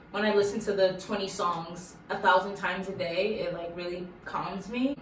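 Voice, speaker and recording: A young woman chats in a loose, giggly way, full of "like". Her voice sits at a middle pitch. It rings in an echoey room, caught from a little off the mic with faint hiss. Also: recorded from a distance. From Massachusetts. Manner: chatty, giggly, lots of "like". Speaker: YouTuber. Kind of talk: casual Q&A vlog.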